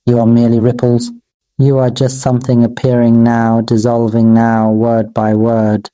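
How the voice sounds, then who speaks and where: A Buddhist monk delivering a dharma sermon in a very dark, mellow voice that stays almost level in pitch. He speaks in slow, measured, repetitive phrases that sound like an incantation. The sound is close and dry, with no room echo. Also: monotone, clean tone. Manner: addresses his own voice as "Mister Voice".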